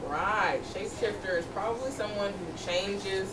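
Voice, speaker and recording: Speaking at a normal speed with a medium-pitched voice, this woman teacher shares a picture book with her second graders, prompting them with encouraging questions and echoing their replies. It's a distant recording from a noisy, echoing room full of children.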